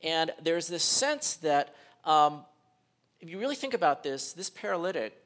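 Man, pastor, sermon, slightly high voice, casual preaching, lots of uh and restarts. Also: very animated, normal speed, a bit bright. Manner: conversational preaching with frequent fillers and restarts; dramatizes quoted speakers, dropping his voice for emphasis.

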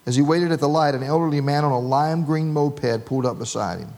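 A man's voice: fairly high pitch, brisk, darkish tone. A man delivers a sermon in a slightly raised voice. He tells a long humorous story and gives the people in it voices. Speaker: pastor.

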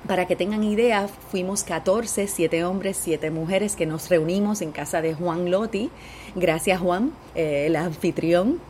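A woman's voice: lowish voice, unhurried, darkish tone, a little hiss or hum. A woman with a Puerto Rican accent hosting a podcast, speaking in an upbeat, chatty way in a personal monologue. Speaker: podcast host.

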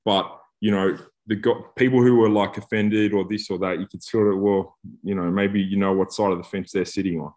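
Blokey man with a lowish voice. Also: little pitch movement, brisk, few pauses, a little mellow. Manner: blokey, joking, slangy. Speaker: podcast co-host, rugby player turned coach. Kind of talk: casual podcast chat.

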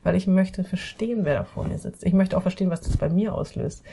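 German woman photographer chatting fast, kinda husky, dark mellow voice, lots of restarts. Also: fairly low pitch, a little hiss or hum. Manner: animated, quotes her own thoughts, many restarts. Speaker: photographer, interview guest. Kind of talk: conversational storytelling.

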